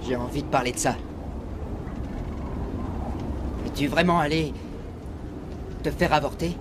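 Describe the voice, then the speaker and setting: A man's voice: fairly high pitch, a little fast, background noise, close to an everyday voice. An actor playing a hurt, sullen young man in a French-dubbed TV drama, accusing as he speaks. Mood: cold, sullen.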